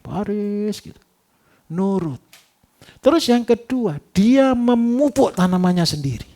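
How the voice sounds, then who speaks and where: High-voiced man lecturing farmers. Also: measured pace. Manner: constant rhetorical questions to the audience; animated, repetitive, teasing. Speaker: livestock farming trainer. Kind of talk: workshop lecture to an audience.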